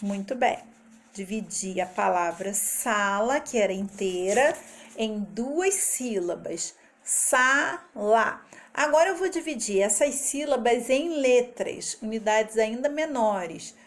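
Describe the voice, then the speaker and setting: A fairly high-voiced woman gives a recorded literacy lesson. She speaks very slowly and carefully, sounding out each syllable and letter one at a time. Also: animated. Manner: slow, careful syllable-by-syllable explanation. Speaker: teacher.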